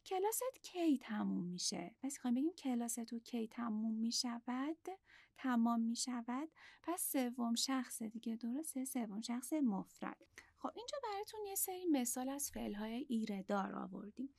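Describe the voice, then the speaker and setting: A woman teaching a lesson in a higher voice that rises and falls a lot. Her tone has a gravelly, fried edge. The sound is dry and close, with no room echo, and she explains patiently, repeating words slowly. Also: expressive, darkish tone. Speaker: Italian language teacher. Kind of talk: online language lesson.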